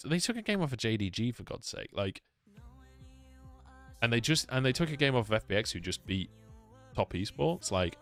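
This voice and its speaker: British male caster, low-pitched, casual and sweary stream chatter. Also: a bit bright. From United Kingdom. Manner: chatty, swears freely, answers chat questions. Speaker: esports caster streaming a costream.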